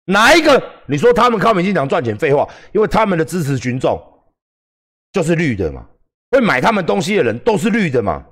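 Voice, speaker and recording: A middle-aged man with a Taiwanese Mandarin accent hosting a livestream, ranting at critics in a combative, profane way and often shouting. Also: a little high, sing-song, a little fast. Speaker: livestream host. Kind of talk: heated livestream rant.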